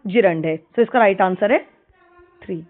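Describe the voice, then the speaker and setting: A woman teacher working through exam questions, reading each English question slowly and then explaining it quickly. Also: mid-range voice. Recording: tinny phone-like audio.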